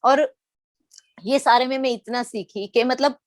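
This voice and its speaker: A middle-aged woman from Gujarat sharing her personal story in a lively storytelling manner, acting out the quoted lines. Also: high-pitched, a little slow, no room sound. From Gujarat, India. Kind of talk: personal testimony talk.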